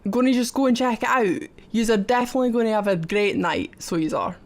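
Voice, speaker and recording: A woman doing a blunt, gruff Scottish innkeeper with broad local speech. He is matter-of-fact, offering the barn out back without fuss. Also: on the high side, fast talker, voice pushed up, natural voice.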